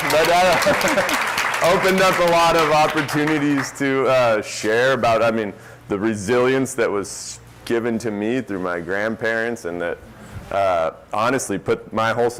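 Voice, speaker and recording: A man speaking as a panelist on stage at a live discussion, relaxed and self-deprecating, chuckling easily. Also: fairly low pitch. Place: stage before a live audience.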